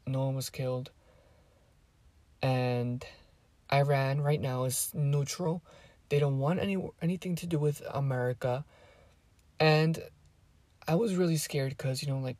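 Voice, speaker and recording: Chatting to camera, an eighteen-year-old vlogger whose native language is Spanish rambles on and drifts away from her subject. Her voice is bass-deep with a darkish tone, and the recording has no room sound.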